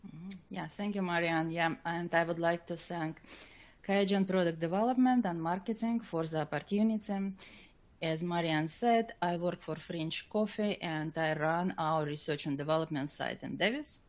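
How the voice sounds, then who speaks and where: In a webinar, a woman scientist presents a technical slide lecture in a rather low voice. Her delivery is halting and hesitant.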